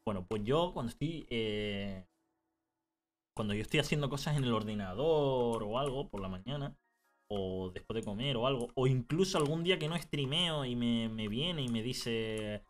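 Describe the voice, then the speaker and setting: A man's voice: mid-range voice, soft background music. A young man with a Canarian accent, chatting casually and teasing while he plays a game on stream, telling stories with a lot of animation. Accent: Canarian Spanish. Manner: animated teasing storyteller, quick mood swings. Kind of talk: casual chat while gaming.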